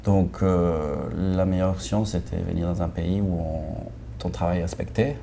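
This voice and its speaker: Brief: low, gravelly Argentine man in his forties, hesitant, warm-toned, faint background hum. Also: steady tone, normal speed. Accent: Argentine Spanish. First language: Spanish. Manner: hesitant, many restarts, laughs often. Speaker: film director. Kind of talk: casual interview answers.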